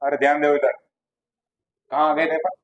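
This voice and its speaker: A male teacher gives a classroom lecture, his voice sitting a little high for a man. He asks his students questions and then answers them himself. The recording is dull and lo-fi. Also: flat delivery, moderate pace.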